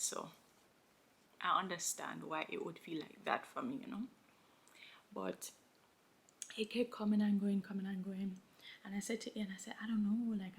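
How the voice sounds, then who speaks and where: A young woman at home, telling a story in a chatty, animated way while doing her makeup. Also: medium pitch, gravelly. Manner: chatty, animated, many fillers. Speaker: vlogger.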